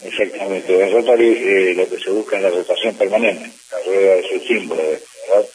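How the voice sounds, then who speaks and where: Man, very low voice, measured with many pauses, heard from a distance with faint hiss. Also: fairly even intonation, darkish tone. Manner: measured, frequent hesitations. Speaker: district governor of a service club. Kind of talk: press interview.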